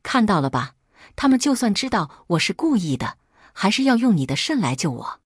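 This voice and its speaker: A woman's voice: mid-range voice, very animated, moderate pace, slightly rough, no room sound, studio quality. A woman voicing an arrogant, scheming young woman who taunts her sister. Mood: smug.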